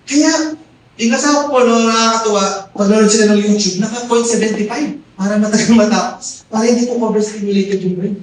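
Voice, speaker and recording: Speaking quickly in a high-pitched voice, a middle-aged Filipino pastor preaches in Taglish, often prompting the congregation with "amen?" The recording comes from a far-off mic in an echoey church hall in the Philippines and carries a little hiss or hum.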